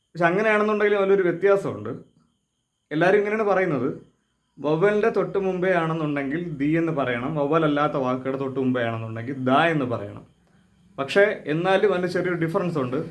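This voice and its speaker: A man teaching English pronunciation, explaining step by step and often asking questions before giving the answer. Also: fairly high pitch. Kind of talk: explaining lesson.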